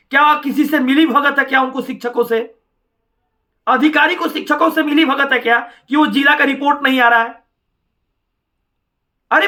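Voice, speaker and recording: High bright-voiced man ranting. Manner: combative, questioning, taunting. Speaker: political commentator. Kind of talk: heated political commentary.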